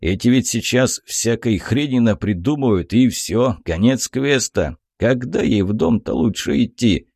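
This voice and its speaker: A man voicing a blunt, gruff dwarf who barks his words slowly. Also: medium pitch, animated, darkish tone, dry recording, studio quality, exaggerated voice. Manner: gruff, slow barking.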